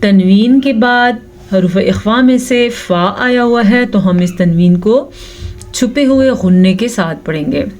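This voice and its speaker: A woman teaching Quran recitation with tajweed, patiently explaining each rule step by step and drawing out the recited verses very slowly. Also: medium pitch, darkish tone. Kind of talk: tajweed lesson with slow recitation.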